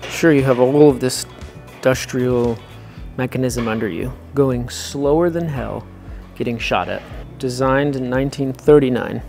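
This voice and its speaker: A man's voice: medium pitch, unhurried, vocal fry, darkish tone, soft background music. A man in his thirties, a travel vlogger, talking casually to a camera held at arm's length, joking and teasing as he goes. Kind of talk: casual vlog narration. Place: inside a car and outdoors in a city. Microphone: camera mic at arm's length.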